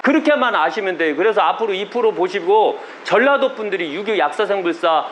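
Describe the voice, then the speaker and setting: High-voiced Chungcheong man preaching bluntly. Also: animated, a little fast, a bit bright, slight background noise. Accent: Chungcheong Korean. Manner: blunt, peppered with rhetorical questions. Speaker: religious leader. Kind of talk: sermon to followers.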